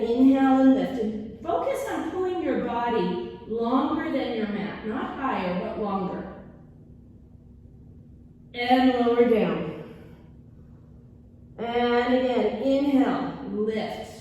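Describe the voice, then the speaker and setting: Echoey, high-voiced woman cueing a workout. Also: darkish tone. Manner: counts and cues movements in short commands. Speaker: Pilates instructor. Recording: echoey hall, distant mic, faint noise.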